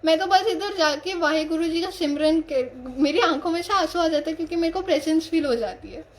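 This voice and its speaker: Young woman, high voice, earnest casual devotional talk, keeps repeating herself. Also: fairly quick, a little hiss or hum. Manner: earnest, repetitive, conversational preaching with restarts. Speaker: satsang speaker. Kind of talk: devotional talk on a live stream.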